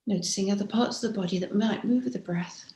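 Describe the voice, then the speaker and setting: A woman with a mid-range voice leads a body scan meditation as a teacher. She speaks softly and gently, without hurry, pausing often and letting her phrases end on a breath. The room sounds roomy and echoing.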